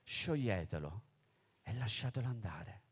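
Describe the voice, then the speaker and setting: A man preaching, voicing Jesus in scripture dialogue in a solemn, slow, hushed way. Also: lowish voice, expressive, breathy edge, voice pushed down, full character voice. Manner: solemn, slow and hushed, then pressing and raised. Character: Jesus, a grave man commanding and reproaching. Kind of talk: sermon reading of scripture dialogue.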